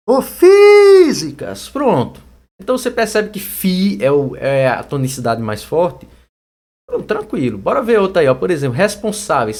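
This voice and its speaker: A young Brazilian man teaching an exam-prep Portuguese lesson in a chatty, lively way, now and then shouting out words to show the stressed syllable. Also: on the high side.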